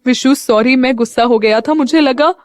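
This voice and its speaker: A woman's voice: high voice, moderate pace, dry recording, clean studio sound, close to an everyday voice. A woman voicing a tender, apologetic young man in an audio story. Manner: soft and apologetic.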